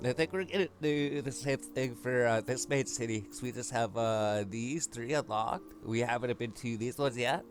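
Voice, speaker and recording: Over game music, a man gives a casual walkthrough of a game, thinking out loud at a moderate pace with few pauses in his mid-range voice.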